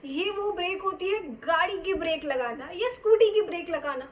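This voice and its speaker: A young woman teaching English to viewers, chatting and asking them questions, then dictating example sentences slowly and carefully. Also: very high voice, slight background noise, low-quality recording. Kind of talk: bilingual language lesson.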